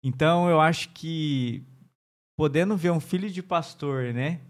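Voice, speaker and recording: Hosting a casual interview conversation, a man questions a pastor in a chatty, enthusiastic manner. His voice is a little high and unhurried.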